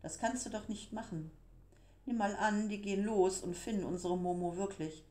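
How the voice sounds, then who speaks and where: A woman voicing a talkative young man in an audiobook, speaking in a quick, persuasive way with a raised voice. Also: mid-range voice, steady tone, mellow, natural voice. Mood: insistent. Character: young male storyteller, talkative, evasive, easily startled.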